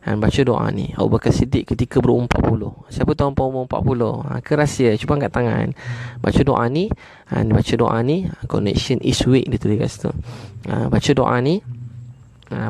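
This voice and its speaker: Gravelly Malaysian Malay preacher, dry sound. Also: male voice, medium pitch, darkish tone, no echo. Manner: repeats each point, many "ha" fillers; chants Arabic prayers slowly. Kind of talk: sermon.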